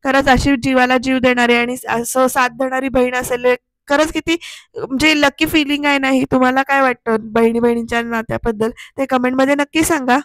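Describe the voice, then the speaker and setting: High-voiced woman recapping a serial. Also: flat delivery, a little fast, no echo. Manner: retells scenes acting out the characters' lines; addresses viewers directly. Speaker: serial review narrator. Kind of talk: voice-over episode recap.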